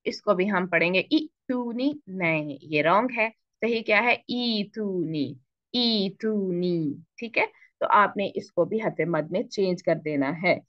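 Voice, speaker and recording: A woman teaching Quran recitation rules to beginners. She asks questions and answers them herself, mixes in English words, and stretches syllables out slowly when she shows a reading. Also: on the low side, dry recording, highs cut off. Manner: slow, drawn-out syllables when showing a reading. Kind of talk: explaining rules to beginner students.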